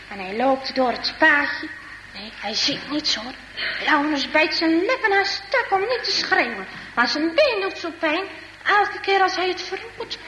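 A woman reading a children's story aloud with expressive, dramatic storytelling, in an echoey hall with faint noise. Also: high-pitched.

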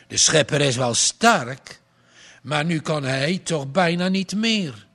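A male storyteller reads a dramatic story aloud. He takes his time with each phrase, in a fairly high voice for a man. The delivery is measured and expressive, made for listeners following along. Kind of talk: storybook narration.

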